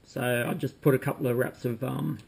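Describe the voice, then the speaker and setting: A man, calmly demonstrating fly tying at a desk at home, talking while he works with frequent ums. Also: medium pitch, a little fast, creaky, husky. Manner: relaxed, talks while working, frequent ums. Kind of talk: casual demonstration. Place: home room with bookshelves, indoors.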